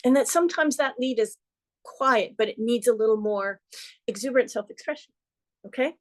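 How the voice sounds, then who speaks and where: A woman's voice: on the high side, normal speed. A middle-aged woman hosting an astrology forecast, talking earnestly and conversationally with playful asides. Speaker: astrologer host.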